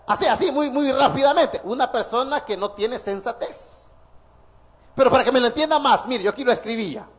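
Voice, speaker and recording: A male pastor preaching a sermon, lively and laughing between points, quizzing the congregation with questions. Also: extremely high pitch.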